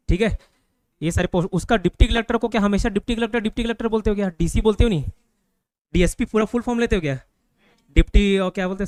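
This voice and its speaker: High-voiced male teacher quizzing students. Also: no room sound. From India. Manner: keeps checking understanding with quick questions to students. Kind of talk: classroom grammar lecture. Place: classroom with students.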